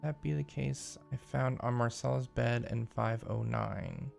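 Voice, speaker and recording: A man live-streaming a mystery game, reading in-game letters aloud haltingly and breaking off for asides and corrections. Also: medium pitch, fairly even intonation, creaky, a little mellow, faint music behind.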